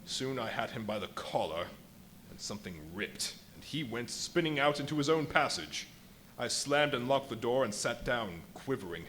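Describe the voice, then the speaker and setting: A man playing a feverish, boastful scientist turned invisible in a live radio play, telling his story in dramatic, literary phrases with emphatic pauses. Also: mid-range voice, lively intonation, a bit bright, natural voice. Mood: tense, indignant. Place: live performance at a brewery venue. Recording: live stage performance with audible background noise.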